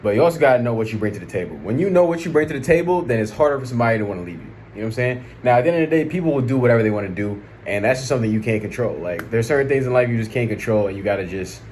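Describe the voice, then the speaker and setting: A man's voice: medium pitch, expressive, rapid-fire, few pauses, a little mellow. An American man talking in a casual, slangy way, rambling through his opinions like a vlogger and often checking in with the listener. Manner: slangy, conversational, frequent check-in tags. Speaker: vlog host. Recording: noticeable background noise.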